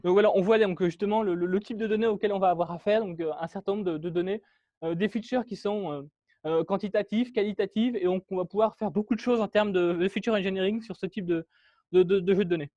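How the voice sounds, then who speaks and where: A man's voice: sits high, quick pace, warm tone, dry recording, muffled recording. A man giving a technical talk at a meetup, walking through code with many fillers and restarts. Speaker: meetup speaker. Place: meetup room.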